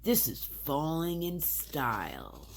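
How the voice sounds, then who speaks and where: A woman's voice: deep voice, huge pitch swings, slow, creaky, slight background noise, full character voice. Woman voicing a brave space ranger toy. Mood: wry. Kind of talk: storybook read-aloud.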